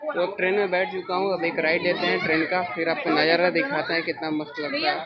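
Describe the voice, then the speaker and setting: A man's voice: a little high, flat delivery, fast talker, very noisy. A young man vlogging on a walking tour of a lakeside park, chatting to viewers as he points things out and filming on a phone at arm's length. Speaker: travel vlogger. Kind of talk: casual walking tour vlog. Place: outdoor park by a lake, crowded. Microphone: phone camera held at arm's length. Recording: loud crowd and music around. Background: loud crowd chatter and music.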